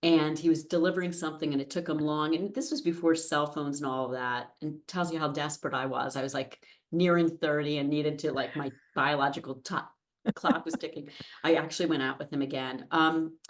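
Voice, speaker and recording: Speaking briskly in a low, steady voice, a woman in her fifties from America trades anecdotes as a podcast guest. The studio conversation is a casual interview, and she pokes fun at herself as she tells her stories.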